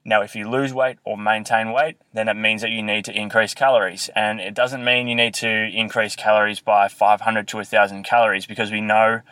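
Low-voiced man on a low quality laptop mic. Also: level tone, fairly quick, hardly any pauses, bright, forceful tone, no echo, low-quality recording. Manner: explaining, earnest coaching tone. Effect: low quality audio from a built-in laptop mic. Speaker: podcast host and fitness coach. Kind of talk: solo podcast, instructional talk. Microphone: built-in laptop microphone, low quality audio.

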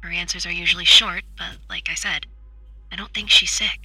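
A woman's voice: on the low side, steady tone, vocal fry, slightly rough, dry recording, heavily acted, rough recording. A woman playing a frightened teenage daughter on the phone. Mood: worried. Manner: hushed, anxious, halting. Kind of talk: audio drama acting.

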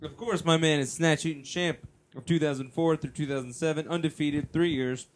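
A man's voice: fairly high pitch, fairly even intonation, brisk. A man bantering and reading lines casually at a comedy table read in a wry, teasing manner.

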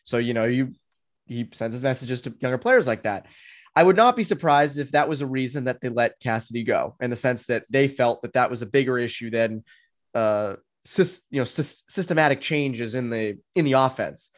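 A man's voice: medium pitch, normal speed. A man appearing as a guest on a sports podcast, chatting casually and thinking aloud with lots of "um" and "you know".

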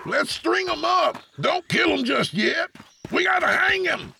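Man doing a raspy Old West mob man, high, gravelly, shouting, bright. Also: lively intonation, a little slow, slight background noise, full character voice. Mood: bloodthirsty. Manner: shouting, angry. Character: rough adult male Old West lynch mob men.

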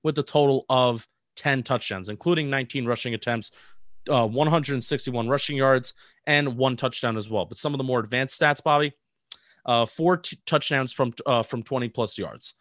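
A man with a mid-range voice running through football numbers one after another at a measured pace. His voice is dry and close-miked, and the talk stays casual. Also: medium pitch, a bit bright, no room sound. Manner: reels off statistics, measured. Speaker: podcast co-host. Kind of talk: casual sports analysis chat.

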